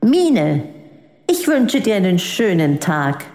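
A woman's voice: medium pitch, big pitch swings, slow, a little mellow. A woman voicing a caring, anxious mother who fusses and soothes. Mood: gentle. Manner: fussing, soothing. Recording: echoey room with long reverb.

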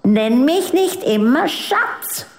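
A woman's voice: high voice, sing-song, slow, a little mellow, pitched above the performer's own voice, heavily acted. A woman voicing a defiant, upset little girl who pleads through sobs. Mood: angry. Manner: sobbing, pleading. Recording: echoey room with long reverb.

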